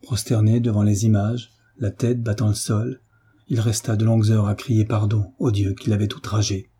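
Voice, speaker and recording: A man narrating a classic novel in a measured, solemn audiobook reading. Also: on the low side, little pitch movement, warm tone, husky. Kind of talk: scripted literary narration.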